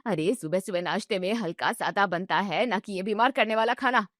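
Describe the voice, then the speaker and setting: A woman's voice: mid-range voice, a little fast, a bit bright, dry recording, studio quality, lightly acted. A woman voicing a strict older mother-in-law who scolds everyone sharply in a storybook tale. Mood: scolding. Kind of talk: storybook narration.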